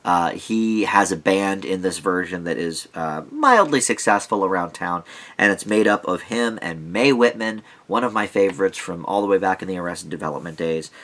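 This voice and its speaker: A man's voice: sits low, expressive, moderate pace, a bit bright. A man giving a casual, rambling movie review, thinking aloud and drifting into side points in a conversational way. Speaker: film reviewer.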